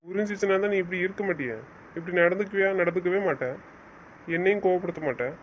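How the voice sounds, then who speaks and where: A man acts out an audio drama with a stern, commanding tone, scolding at a fast clip. His voice sits high for a man. The recording is dull and lo-fi. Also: slight background noise. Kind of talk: casual audio drama acting.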